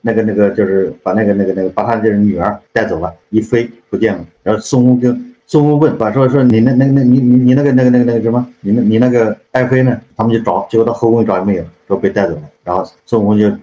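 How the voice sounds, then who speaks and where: A man retells an old tale at a brisk, tumbling pace, stacking up fillers and tag questions as he goes. His voice is low and mellow. The recording is echoey and dull. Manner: rambling, full of tag questions and repeated fillers. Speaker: storyteller retelling a classic novel. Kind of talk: casual spoken retelling.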